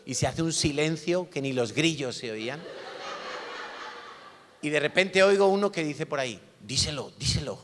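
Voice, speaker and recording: A man preaching a sermon, telling a story and acting out the dialogue in lively voices. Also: a little high, normal speed, long pauses, background noise. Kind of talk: sermon with personal anecdotes. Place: church hall. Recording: long reverb of a church hall.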